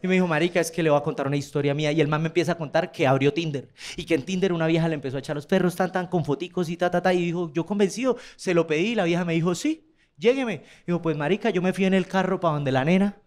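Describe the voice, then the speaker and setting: Colombian man, stand-up comic, high voice, crude animated storytelling on a club stage. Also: racing, hardly any pauses. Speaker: stand-up comedian. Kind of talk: stand-up comedy routine.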